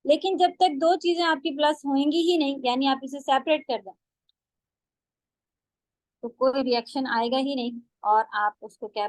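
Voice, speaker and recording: High-voiced woman teaching recitation. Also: no room sound, low-quality recording. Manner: explains slowly, often drawing out model sounds. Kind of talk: online class lecture.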